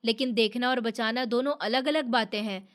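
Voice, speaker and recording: A woman's voice: fairly high pitch, steady tone, moderate pace, fairly bright tone, close to an everyday voice. A woman voicing a grief-stricken middle-aged man who talks in a weary, pleading way.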